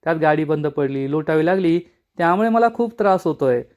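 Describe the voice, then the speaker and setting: A man's voice: on the high side, lively intonation, a little fast, darkish tone, dull audio, lightly acted. A man doing a whiny young woman. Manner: whiny, fishing for sympathy. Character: complaining young village woman.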